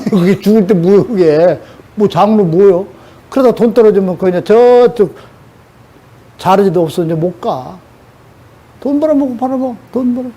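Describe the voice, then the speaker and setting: A man's voice: high voice, dark tone. An older man preaching a sermon in a scolding way, throwing rhetorical questions at his audience.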